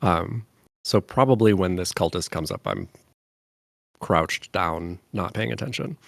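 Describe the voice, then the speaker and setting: Guy player at a game table, lowish voice, dry sound, kinda hesitant, thinking out loud. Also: animated, unhurried, creaky, no echo. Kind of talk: casual in-game role-play chat.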